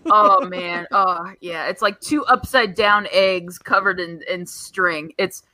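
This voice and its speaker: A woman's voice: fairly low pitch, slow pace, bright, forceful tone, no room sound, rough recording. A woman in her thirties hosting a crude comedy podcast, bawdy and self-mocking, giggling often. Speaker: podcast host.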